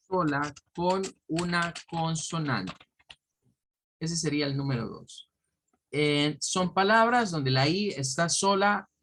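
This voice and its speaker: A man's voice: on the high side, fairly bright tone, a little hiss or hum. A man teaching an online pronunciation lesson, patiently explaining step by step, repeating example words and often checking in with his listeners. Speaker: English teacher.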